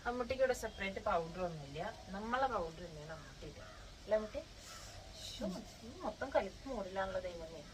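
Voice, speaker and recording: A woman's voice: mid-range voice, lively intonation, fairly quick, noisy background. A woman filming a casual home vlog, coaxing and playfully scolding her pet while she dresses it indoors. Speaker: pet vlogger.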